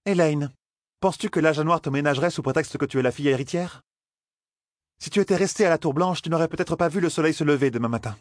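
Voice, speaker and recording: A man's voice: a little high, quick pace, dry recording, clean studio sound, pitched above the performer's own voice, lightly acted. A man voicing a haughty, short-tempered woman sorceress in an audiobook. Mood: stern. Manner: stern and commanding.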